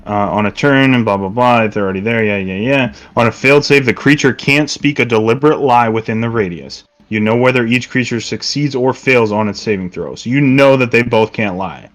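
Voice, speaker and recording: A man's voice: mid-range voice, a little fast, hardly any pauses. A young man running a tabletop game as game master, speaking casually and reading rules aloud.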